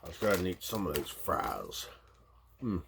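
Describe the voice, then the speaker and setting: A man's voice: low voice, sing-song, fairly quick, vocal fry, heavy background noise. A man with a Southern US accent eating on camera, laid-back and giving brief remarks between bites. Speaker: vlogger, mukbang co-host. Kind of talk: casual chat while eating.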